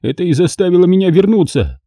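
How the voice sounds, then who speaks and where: A man's voice: sits high, sing-song, fast, mellow, dry recording, clean studio sound, pitched above the performer's own voice, exaggerated voice. A male reader voicing a fat, panicky, bald middle-aged father who frets and whines. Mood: fretful. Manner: fretful, whining, fussing.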